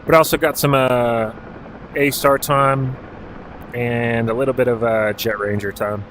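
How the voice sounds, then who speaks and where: A man's voice: medium pitch, steady tone, measured pace, fairly bright tone, slight background noise, rough recording. A man from Alaska streaming a game, casually chatting with viewers and calling out commands, with the odd swear word. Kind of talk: casual live-stream chat while playing.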